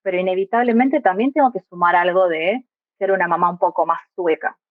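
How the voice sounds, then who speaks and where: A young adult woman from Argentina, speaking with an Argentine Spanish accent, appears as a guest on a reflective podcast conversation, talking about life as a migrant mother. Her voice is fairly low and brisk, and the dry recording has phone-quality sound. She comes across as thoughtful and often tacks little tag questions onto her remarks.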